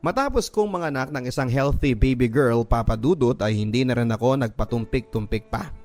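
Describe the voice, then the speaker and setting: This Filipino-accented man is a radio drama host, reading a listener's letter as scripted, emotive first-person narration over a music bed. His mid-range voice is animated and a little mellow, and he speaks fairly quickly.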